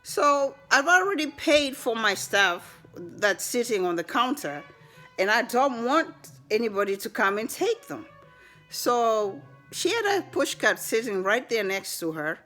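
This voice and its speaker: An older woman telling a personal story to the camera with indignant, animated energy and laughs. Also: fairly high pitch, a little slow, soft background music. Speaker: vlogger.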